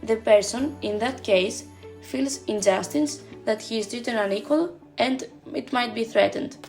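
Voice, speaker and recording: Woman, presentation narrator, slightly high voice, measured list reading, soft music underneath. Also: creaky. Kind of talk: read slide narration. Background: faint background music.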